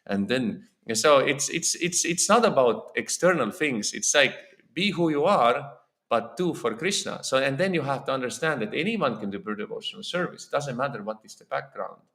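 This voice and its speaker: With lively intonation, a medium pitch and a slightly bright tone, a man talks at normal speed. He has an Estonian accent and is informally lecturing on scripture in a temple hall, earnest and often repeating words while he looks for how to put things.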